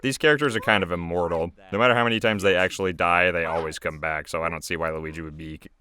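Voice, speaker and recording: A quick-talking American man from the United States has a low voice with a sharp edge. He's the creator and voice actor giving casual, rambling commentary on his own video, and he's self-deprecating throughout.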